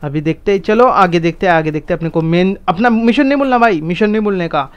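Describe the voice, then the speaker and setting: Excitable young-sounding gamer man, smooth voice. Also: sits high, dull audio. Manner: excitable, rapid repeated commands to teammates. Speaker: gaming streamer. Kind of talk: casual gameplay chat.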